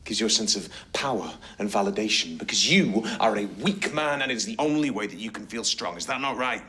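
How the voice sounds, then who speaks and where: Relentless barrister with swooping pitch. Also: male voice, animated, sharp tone. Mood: relentless accusing. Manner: measured, pointed rhetorical questioning. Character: relentless, accusing male prosecuting barrister. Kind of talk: TV soap courtroom acting.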